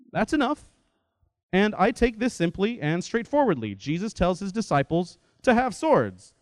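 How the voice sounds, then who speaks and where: A young adult man giving a lecture-style talk in a lively, conversational way, often checking in with his listeners. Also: sits high, dry recording. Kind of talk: lecture to an audience.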